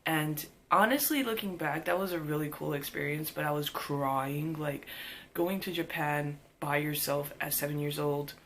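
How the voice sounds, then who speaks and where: A woman vlogger telling a personal story in a casual, animated way, full of filler words. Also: low voice, moderate pace, slight background noise.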